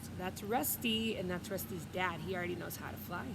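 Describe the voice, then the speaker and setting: Her voice is lowish and brisk, with vocal fry, as this coach reads a picture book to students and mixes in simple, encouraging asides like a teacher. Loud background noise and strong reverb come from the echoey room.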